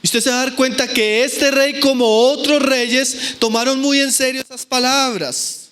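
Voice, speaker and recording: A man's voice: very high voice, fairly even intonation, moderate pace, a bit bright, clear, resonant tone. A man preaching a sermon at a church camp, earnest and pleading, speaking often to his listeners as brothers.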